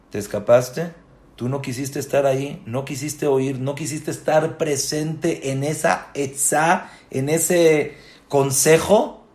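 Impassioned preacher man, echoey room. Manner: swings from low murmurs to impassioned shouts; rhetorical questions, repeats words for emphasis. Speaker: rabbi. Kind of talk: Torah sermon.

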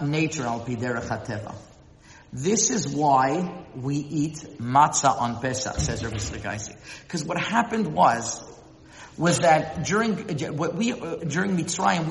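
A man giving a religious lecture as a Torah teacher, often halting and repeating words as he searches for them. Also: fairly high pitch, fairly bright tone. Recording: echoey hall with long reverb.

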